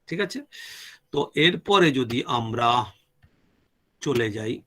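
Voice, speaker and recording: A man lecturing a class speaks at a medium pitch, animated and sharp in tone. He slowly spells out terms one word at a time for students to write down, mixing English technical terms into his Bengali, and periodically checks in with "clear?".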